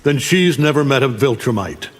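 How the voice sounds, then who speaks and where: A man's voice: mid-range voice, expressive, moderate pace, lightly acted. An actor playing Omni-Man, an arrogant alien superhuman father in a video game, smug, menacing and condescending. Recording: long reverb, faint background noise.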